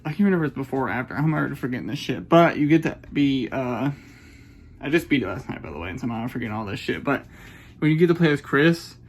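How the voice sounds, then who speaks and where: A man in his twenties giving a casual, rambling game review, swearing often and apologizing when he loses his train of thought. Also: medium pitch. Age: 20s. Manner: rambling, profane, self-conscious.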